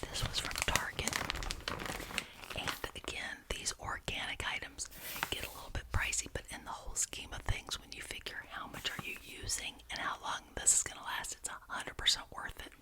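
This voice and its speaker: A woman whispering breathily in an ASMR ramble, enthusiastic and chatty, gently repeating phrases for emphasis. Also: normal speed. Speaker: ASMR video creator.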